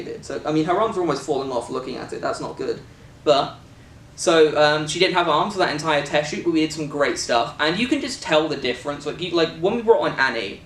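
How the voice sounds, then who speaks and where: A British man chatting casually and jokily about a film shoot, rambling with lots of fillers. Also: on the high side. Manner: rambling, jokey, many fillers. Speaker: filmmaker and co-host. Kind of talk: casual chat. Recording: echoey room from a distance with faint noise.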